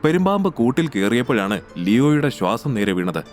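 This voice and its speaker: A man narrating a scripted audio story in a steady, measured way. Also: medium pitch, soft background music.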